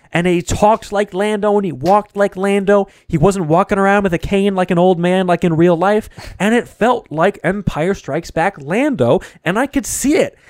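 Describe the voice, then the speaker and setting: Excitable man in a dry room. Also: no echo. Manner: animated, gets loud and high when excited. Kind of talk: casual movie discussion.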